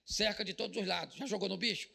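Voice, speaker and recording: A Brazilian Portuguese-accented pastor preaching to a business crowd, loud and joking, slipping into mock prayers. His voice sits high for a man, with a heavy gravelly fry. The tone is bright and sharp. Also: steady tone, fast, long reverb tail, slight background noise. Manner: joking and loud, mimics people praying. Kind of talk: comedic sermon. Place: stage at a business event.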